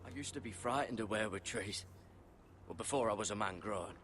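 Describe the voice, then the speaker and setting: A man's voice: lowish voice, fairly quick, lightly acted. An actor playing an earnest young man sworn to a frontier guard in a video game, wry and wondering.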